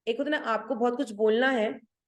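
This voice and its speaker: A woman's fairly high voice with fairly even intonation carries this line-by-line lesson on a play. The speaker, an English literature teacher described as a Hindi-teacher woman, blends Hindi and English, reads quoted verse slowly, and often asks "ठीक है?"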